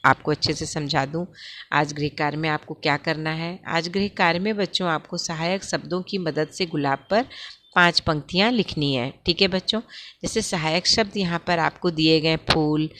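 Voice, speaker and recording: A woman teaching a first-grade class, speaking gently and patiently and often checking in with the children. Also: low voice. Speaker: primary school Hindi teacher. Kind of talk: online class lesson for young children.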